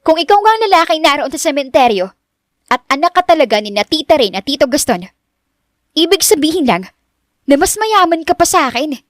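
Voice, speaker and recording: Bubbly young woman, high, eager, exclaiming, voiced by a woman, audiobook. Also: sing-song, dry recording, clean studio sound. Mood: pleading. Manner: eager and bright, quick to exclaim. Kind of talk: audiobook character reading.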